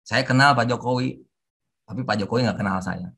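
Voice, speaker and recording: A middle-aged man giving a webinar lecture with forceful, emphatic intonation, mixing in English terms. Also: medium pitch, brisk, gravelly, slightly rough. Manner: mixes English terms into talk. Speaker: civil service trainer. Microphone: online webinar audio.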